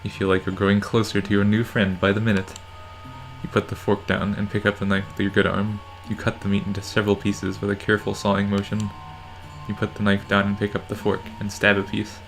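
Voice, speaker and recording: A narrator reading a visual novel game aloud in a deadpan way. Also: low-pitched, brisk, creaky, soft background music. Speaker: narrator in a let's play.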